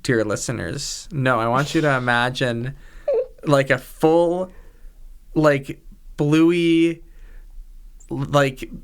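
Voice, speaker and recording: A man's voice: mid-range voice, fairly even intonation, very slow, pauses often, clear, resonant tone. A man hosting a casual podcast chat, joking and riffing on words. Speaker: podcast host.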